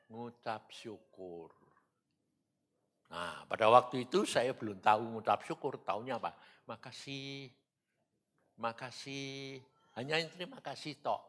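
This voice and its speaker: A man preaching a testimony sermon, telling his story and acting out his own dialogue with God, going from loud bursts to quiet low lines. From Indonesia. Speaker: evangelist preacher. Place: church or studio.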